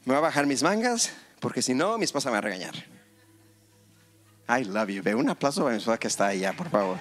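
A male pastor preaching a lively sermon in a church, joking with the congregation and calling for amens. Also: medium pitch, fast, soft background music. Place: church hall.

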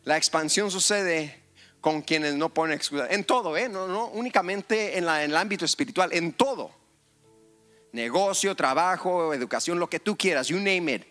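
A male pastor preaching a lively sermon in a church, joking with the congregation and calling for amens. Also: fairly high pitch, moderate pace, soft background music. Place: church hall.

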